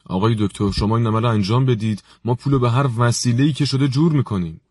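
A man voicing an anxious older friend who rushes to plead with a doctor. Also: mid-range voice, darkish tone, slightly rough, no echo, clean studio sound, voice pushed up, lightly acted. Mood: hurried pleading. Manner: hurried, pleading, reassuring.

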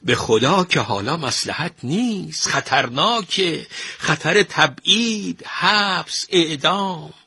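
A man voicing an anxious, flattering court minister who pleads and warns, husky and sharp. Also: mid-range voice, dry recording, voice pushed up, exaggerated voice. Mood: alarmed.

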